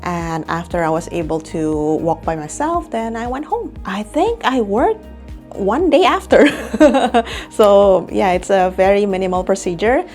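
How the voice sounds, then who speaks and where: A woman's voice: mid-range voice, expressive, unhurried, darkish tone, soft background music. A young woman from Indonesia, chatting casually in a vlog about her recovery, with frequent little laughs and fillers. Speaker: clinic employee and patient.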